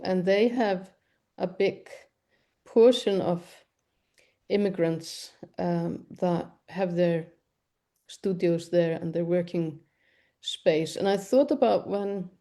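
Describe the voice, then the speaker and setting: A woman moderates a webinar panel in a mellow voice with a gravelly edge to it. She keeps the talk moving in a gentle way and puts open questions to the panelists. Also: mid-range voice.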